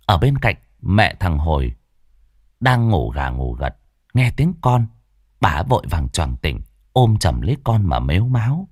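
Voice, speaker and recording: Low-voiced man narrating a ghost story. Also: big pitch swings, a little mellow, breathy edge, dry recording, clean studio sound. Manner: dramatic, drawn-out slowdowns.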